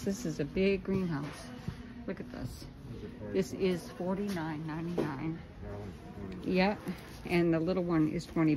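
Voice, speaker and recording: A woman chatting casually as she walks through a large store, filming on her phone and pointing out prices. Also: lowish voice. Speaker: vlogger. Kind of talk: casual shopping vlog narration. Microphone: phone camera held while walking. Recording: noisy store background.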